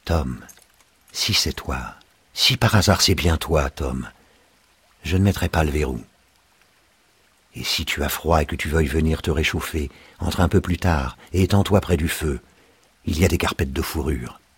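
A man doing a shaky old man of seventy, very deep, husky, gentle storybook voice. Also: normal speed, long pauses, heavily acted. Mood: tender. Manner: trembling, soft-spoken. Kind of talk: audiobook reading.

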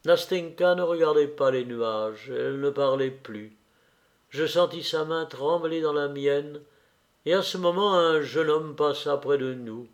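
A man narrating a literary novel aloud in an expressive, measured, emotional way. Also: a little high. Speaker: audiobook narrator.

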